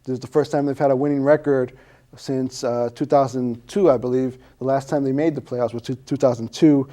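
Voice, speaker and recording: A man's voice: mid-range voice, fairly even intonation, a little fast, warm tone. A man co-hosting a sports show, recapping the football season hesitantly with many fillers.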